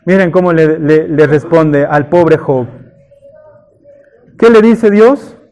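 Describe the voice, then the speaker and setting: A man's voice: on the high side, slow, a little mellow, dull audio. A man preaching a sermon, firing off rhetorical questions and stumbling into repeated restarts, at times playing a believer who pleads with God.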